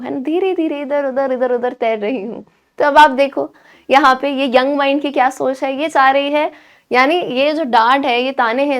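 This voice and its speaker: Young woman teacher, high bright voice, patient, explains a poem step by step. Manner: explains patiently, keeps checking in with students. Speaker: English teacher. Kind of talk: Hinglish poetry lesson.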